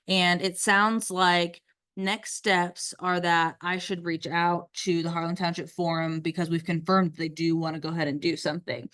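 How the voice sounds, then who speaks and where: A woman's voice: fairly low pitch, level tone, normal speed, a bit bright. A woman chairing a public committee meeting over a video call, organized and upbeat as she leads the agenda.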